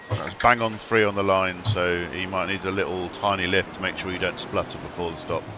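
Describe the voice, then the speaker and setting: A man's voice: low-pitched, fairly even intonation, a little fast. A man hosting a sim racing livestream, chatting casually with wry, joking asides while he drives. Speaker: stream host and sim racer. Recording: loud noise over the voice.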